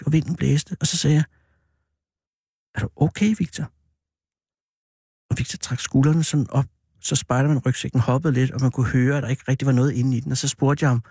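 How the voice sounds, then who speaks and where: A man hosting a show, telling a personal story in an animated, drawn-out way that turns hesitant, with many fillers. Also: medium pitch, gravelly, breathy edge, no echo, clean studio sound. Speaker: radio host.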